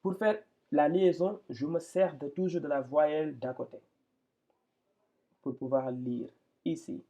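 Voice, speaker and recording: A man with a slightly high, mellow voice explains Arabic reading step by step, speaking a little slowly in a steady tone. He's patient, repeating things and restarting often. The recording has its high frequencies cut off.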